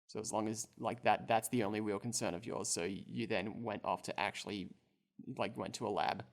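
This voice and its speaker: A young man playing a tabletop role-playing game narrates his character's actions casually, rambling and joking with many fillers and restarts. His voice is lowish and gravelly, fairly even in intonation, and brisk.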